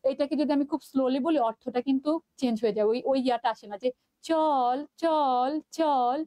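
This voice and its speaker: High-voiced Bangladeshi woman teaching live. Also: racing, dark tone, dry recording. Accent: Bangladeshi Bengali. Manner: chatty, mixes English terms, reads out student comments. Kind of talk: live online class.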